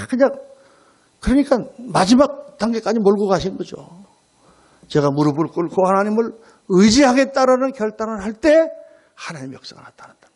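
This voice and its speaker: A man preaching a Sunday sermon at a church service as pastor, telling stories vividly and asking rhetorical questions. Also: high voice. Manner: animated storytelling with rhetorical questions.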